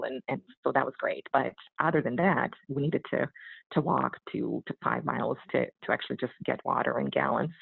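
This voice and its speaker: A woman with a Bosnian accent tells her life story as a podcast guest, her voice heavily creaky and husky. She speaks earnestly and haltingly, repeating small words as she goes. The sound is thin and narrow, like a phone call. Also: a bass voice, no room sound. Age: 30s or 40s. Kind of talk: personal storytelling in an interview. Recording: muffled narrow phone-like line.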